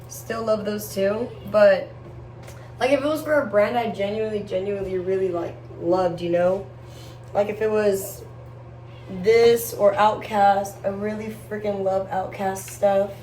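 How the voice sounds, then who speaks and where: A woman's voice: mid-range voice, steady tone, a little slow, warm tone. A young woman chatting casually to camera in a rambling, slangy, girly way as she vlogs indoors. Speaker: lifestyle vlogger. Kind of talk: casual get-ready-with-me chat to camera. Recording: roomy, distant mic, faint background noise.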